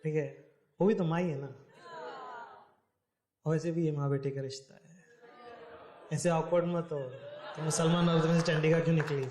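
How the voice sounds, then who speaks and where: A man telling a family story in stand-up, animated, dropping to hushed tones and rising loud. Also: on the high side, normal speed, pauses often. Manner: animated, acts out voices, shifts between hushed and loud. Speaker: stand-up comedian. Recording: echoey stage with faint noise.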